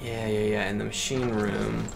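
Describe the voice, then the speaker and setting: Gravelly man rambling through gameplay chat. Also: lowish voice, normal speed, faint music behind. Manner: rambling, excitable chatter with many restarts. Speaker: let's play co-host.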